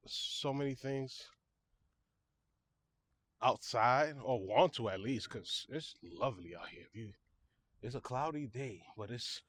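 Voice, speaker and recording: New dude filming himself walking in a park, kinda winded, rambly and repeats stuff, phone mic outdoors. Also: male voice, medium pitch. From New York City. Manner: chatty, self-correcting, repeats phrases. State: out of breath. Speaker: vlogger, registered nurse. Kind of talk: casual walking vlog.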